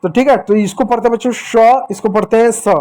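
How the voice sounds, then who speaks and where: A man teaching children to read, slowly sounding out letters and syllables and coaxing them to repeat after him. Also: very high voice, warm tone. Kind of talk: children's reading lesson.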